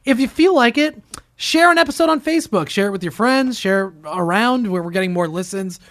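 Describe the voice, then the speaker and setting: A male podcast host with a notably high voice talks a little fast in an upbeat, animated way, giving a promo-style delivery. He keeps things casual and chatty while steering the conversation.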